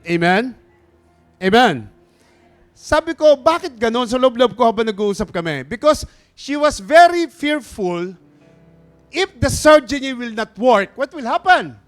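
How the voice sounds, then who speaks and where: A pastor preaching to his church, telling a story and calling for amens. His voice sits unusually high for a man, with soft music playing underneath. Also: very animated, measured pace, clear, resonant tone. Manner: storytelling, asks the congregation for amens. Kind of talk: sermon.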